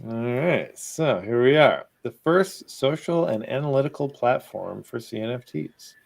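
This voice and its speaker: A man with a gravelly, creaky voice at a middle pitch hosts a casual live news stream. He reads items aloud in a relaxed, conversational manner and chats easily with his co-hosts. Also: a little slow. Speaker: host.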